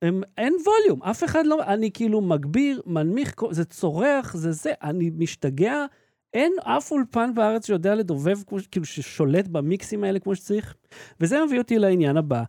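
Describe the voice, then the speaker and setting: A man in his thirties with an Israeli accent, co-hosting a podcast in casual, animated chat. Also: high voice, dry recording, studio quality. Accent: Israeli Hebrew. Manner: animated, ranting. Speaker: podcast co-host.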